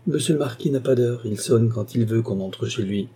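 A man's voice: mid-range voice, moderate pace, mellow, slightly rough. A man voicing a pompous male butler who speaks with stiff formality in a storybook reading. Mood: haughty.

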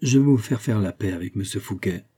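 A resolute young king from a read-aloud novel holds the room with firm, commanding speech. A man voices him in his own low, dark, husky register, lifted only a little for the royal lines. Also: fairly quick.

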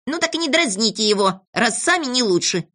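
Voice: medium pitch, lively intonation, brisk, sharp tone, pitched above the performer's own voice. A storybook reader voicing a little girl who reasons firmly with the boys. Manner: reasoning, firm. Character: sensible reproving little girl.

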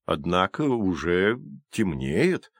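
A man's voice: deep voice, sing-song, slow, no room sound, clean studio sound, voice pushed down, exaggerated voice. A man voicing a wary, reluctant working man who speaks with doubt and anxiety. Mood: doubtful. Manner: doubtful, anxious.

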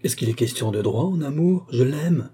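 A man's voice: mid-range voice, lively intonation, a little fast, mellow, slightly rough. A man reading the part of a proud, jealous young courtesan in an audiobook, with haughty, passionate delivery.

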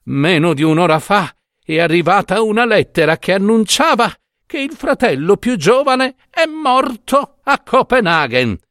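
Storybook old woman, wheedling and sing-song, read by a man, lifted high and lively. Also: a little slow, hardly any pauses, no room sound, clean studio sound, full character voice. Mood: gossipy.

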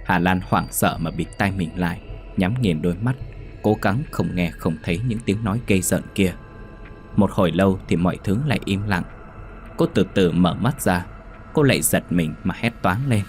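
A man narrating a horror story in a steady, measured storytelling voice. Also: low-pitched, soft background music.

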